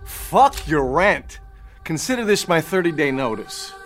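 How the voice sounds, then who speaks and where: A man's voice: fairly high pitch, very animated, unhurried, fairly bright tone, faint music behind. A man voicing a drunk, frightened man in his forties who slurs, stammers and then turns defiant. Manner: slurring, panicky and defiant.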